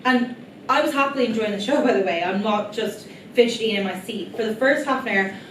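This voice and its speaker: A woman's voice: on the high side, a little fast. A woman giving a rehearsed reading of an autobiographical stage monologue, speaking earnestly and reflectively, straight to her audience. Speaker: writer-performer of an autobiographical solo play. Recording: echoey, distant mic, noisy room.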